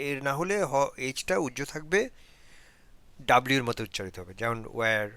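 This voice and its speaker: A man's voice: medium pitch, sing-song, a little fast, pushed and bright, no echo. A man from Bangladesh teaching pronunciation in a lesson, repeating example words one at a time. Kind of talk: explanatory lesson.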